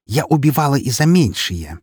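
A man voicing an arrogant, furious young elf woman, hissing and shouting in a raised voice. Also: on the high side, expressive, a little fast, slightly rough, dry recording, studio quality, voice pushed up. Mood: threatening.

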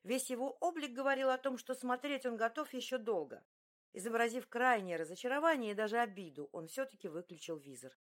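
A woman narrating a first-person story in an expressive, animated reading style. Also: fairly high pitch, brisk. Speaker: audiobook narrator.

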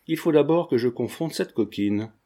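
A man's voice: mid-range voice, expressive, moderate pace, mellow, lightly acted. A man reading the part of a resolute young man who speaks firmly and urgently. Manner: firm, urgent.

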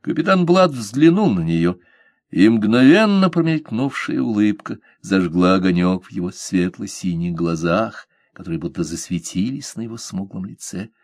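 Male narrator, low voice, steady measured reading, dry close sound. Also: dry recording. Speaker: audiobook narrator. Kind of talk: scripted narration.

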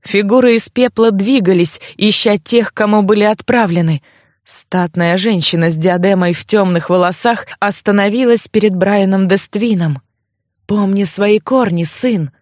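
Женщина-чтец, ровное повествование. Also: female voice, mid-range voice, fairly even intonation, normal speed, a little mellow, no echo, studio quality. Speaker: audiobook narrator. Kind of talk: scripted fiction narration.

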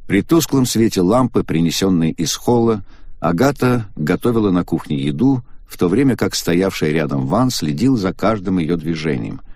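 Lively low-voiced male storyteller. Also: normal speed, no room sound, studio quality. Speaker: narrator. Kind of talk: scripted audiobook narration.

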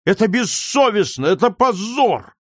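A man's voice: a little high, normal speed, no echo. An impulsive, indignant young boy , voiced by a man reading a novel aloud bursts out in a raised, swooping voice. The delivery is passionate and pleading. The sound is dry and close. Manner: excited, pleading outbursts. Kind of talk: audiobook character reading.

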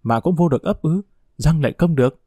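A man's voice: a little high, lively intonation, brisk, dark tone, breathy edge, no room sound, studio quality. A man voicing an anxious old village mother speaking in a choked, urgent way, in an audiobook.

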